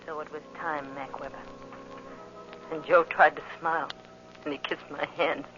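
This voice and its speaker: On a muffled, noisy old radio recording, an actress plays a grief-stricken, vengeful young widow in a 1940s radio drama, her voice low, a bit bright, and fairly flat in pitch at a normal speed. Intense and dramatic, she sounds bitter and haunted, obsessively repeating her phrases.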